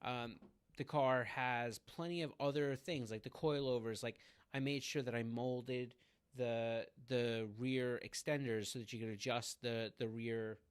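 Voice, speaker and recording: A man's voice: mid-range voice, steady tone, measured pace, clean tone. A man co-hosting a car podcast in casual chat, rambling with many fillers and restarts. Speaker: podcast co-host.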